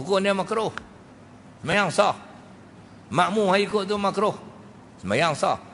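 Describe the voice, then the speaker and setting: A man with a Kedah Malay accent giving a mosque lecture, lively and joking, often asking his audience questions. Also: on the high side. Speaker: religious teacher. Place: mosque hall. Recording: reverberant mosque hall, faint noise.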